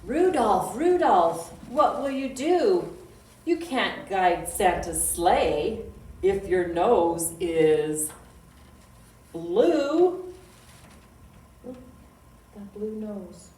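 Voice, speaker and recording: Drawing out her words and pausing often, a children's library storytime host speaks at medium pitch in a sing-song, slightly mellow voice. She playfully asks young children simple questions, recites poems and sings. The distant mic leaves roomy echo and faint noise.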